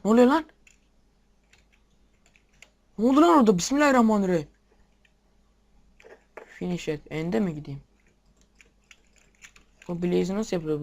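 A young man giving casual game commentary, excitable, swearing at the game and talking to his viewers. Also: sits high, vocal fry. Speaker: gameplay video maker. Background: keyboard and mouse clicks.

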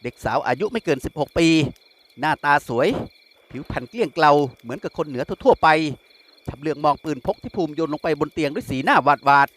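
A man narrating a Thai war-thriller novel in a steady storytelling manner. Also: fairly high pitch, a little fast, slightly rough. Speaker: audiobook narrator.

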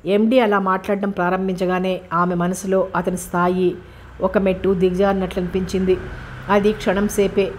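Flat-voiced woman reading a novel. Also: mid-range voice, a little hiss or hum. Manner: steady, measured reading. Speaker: audiobook narrator. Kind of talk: scripted novel narration.

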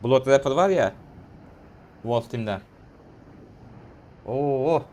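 A young man casting his own mobile shooter match, calling out enemies quickly and breaking into shouts and laughs in bursts. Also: medium pitch, animated, lo-fi sound. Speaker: gaming YouTuber. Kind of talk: excited gameplay commentary.

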